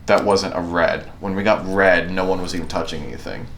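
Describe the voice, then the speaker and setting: A man's voice: sits low, steady tone, brisk, creaky, a bit bright, roomy sound. A man talking as a paranormal investigator on a ghost-hunt vlog, questioning in an insistent, repetitive way. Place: inside an old jail. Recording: noisy on-location camera audio.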